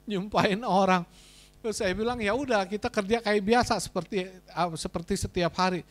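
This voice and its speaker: A man's voice: high voice, moderate pace. A man preaching a sermon as a pastor, telling a personal story in a casual, conversational way and acting out the dialogue. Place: church.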